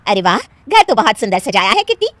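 A woman's voice: medium pitch, very animated, a little fast, fairly bright tone, no echo. Woman doing cartoon party aunties, gushing and chatty. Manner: gushing, praising. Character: chatty middle-aged women friends at a party.

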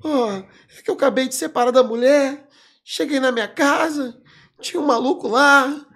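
A man's voice: very high voice, moderate pace, a bit bright, pitched above the performer's own voice, exaggerated voice. A man recounting the words of a distraught young man who had been caught with a knife, in a pleading, aggrieved tone.

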